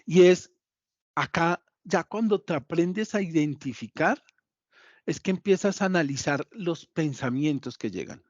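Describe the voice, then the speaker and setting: A man's voice: on the high side, expressive, unhurried, no room sound, dull audio. A man giving a motivational psychology lesson, repeating key points and speaking directly to his listeners.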